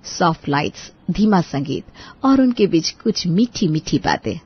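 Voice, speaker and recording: A woman giving scripted storybook narration for a cartoon, telling the story smoothly and evenly. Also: on the low side, very animated, a little slow, highs cut off.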